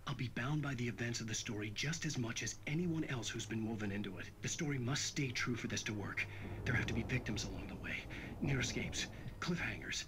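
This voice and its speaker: An actor voicing a haunted male writer hero, giving measured inner-monologue narration in a video game. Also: medium pitch, noisy background, lightly acted. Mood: grim resolve.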